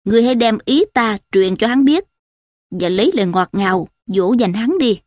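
Woman reading gruff old chancellor, commanding, domineering, highish voice, dry sound. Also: animated, moderate pace, a little mellow, no room sound. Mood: firm.

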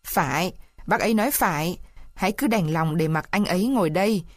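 Kindly male fellow prisoners, read by a woman narrator, speaking with pity and worry. They give gentle advice. The sound is close and dry. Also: fairly low pitch, animated, brisk, no echo. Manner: pitying, advising. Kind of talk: storybook reading.

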